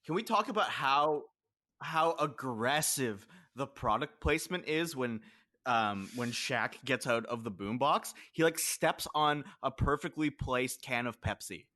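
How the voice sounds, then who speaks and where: Male podcast co-host, very bright tone, mock-outraged humor. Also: mid-range voice, lively intonation, measured pace. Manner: sarcastic, mock-outraged, laughing. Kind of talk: casual movie chat.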